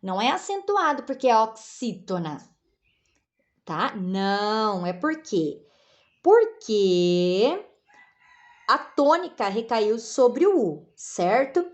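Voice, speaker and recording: A woman's voice: on the high side, very animated, slow pace. A Brazilian woman teacher explaining a lesson to children patiently, spelling out syllables and checking in often. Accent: Brazilian Portuguese. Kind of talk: recorded classroom lesson for children.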